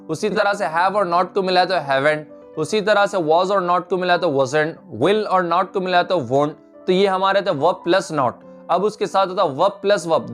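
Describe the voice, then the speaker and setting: A man teaching a spoken English lesson, explaining step by step and slowly repeating example phrases. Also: sits high.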